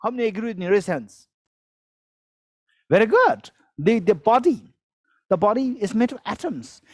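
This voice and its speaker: Teaching Buddhism before a live audience, a Tibetan-native man speaks at normal speed in a high, darkish voice with big pitch swings. He is repetitive, puts questions to the listeners and asks for raised hands, chuckling while he explains. The sound is clean studio quality with no room sound.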